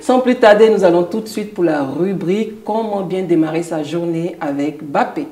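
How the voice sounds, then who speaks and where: Woman hosting with brisk interjections. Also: on the low side. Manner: brisk, cuts in with short confirmations. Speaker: show host. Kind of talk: magazine show hosting. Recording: echoey room with music.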